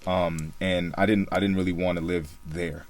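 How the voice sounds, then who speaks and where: Speaking at a normal pace in a deep, steady voice, a young Singaporean man recounts his story as co-host of a casual podcast. He's laid-back and uses many filler words.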